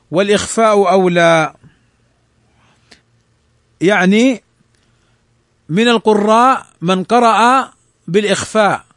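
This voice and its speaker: High-voiced man teaching recitation rules. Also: dry recording, studio quality. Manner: explains rules, then slowly recites examples to show them. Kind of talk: tajweed lesson explaining a text.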